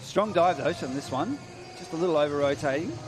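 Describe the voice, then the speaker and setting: A middle-aged man commentating on diving in a relaxed, chatty, joking way. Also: fairly high pitch, brisk. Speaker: diving commentator, academy coach. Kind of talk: live sports commentary. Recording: loud music behind commentary.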